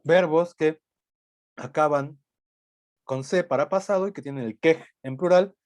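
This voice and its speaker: In a dry, close recording with no room sound, a man gives a lecture in a fairly high, darkish voice. He explains patiently, thinking aloud and adding quick tag questions to his points.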